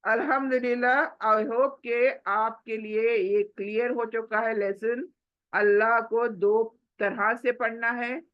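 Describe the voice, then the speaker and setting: A woman teaching Quran recitation, patiently explaining and repeating each word slowly so learners can follow along. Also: mid-range voice, highs cut off. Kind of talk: spoken lesson with slow recited examples.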